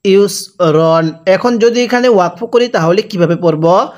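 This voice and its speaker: A man teaching Quran reading with a Bangladeshi Bengali accent, spelling out each syllable slowly, then asking how to read it and repeating it. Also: high-pitched, darkish tone. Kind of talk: slow spelled-out recitation lesson.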